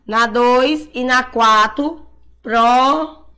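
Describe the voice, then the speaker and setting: A Brazilian woman teaching a class of young children, sounding out syllables slowly and patiently, calling herself auntie and praising often. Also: on the high side, bright, forceful tone, clear, resonant tone. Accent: Brazilian Portuguese. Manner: calls herself "tia", encouraging praise. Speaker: primary school teacher. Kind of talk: slow dictation-style class for young children.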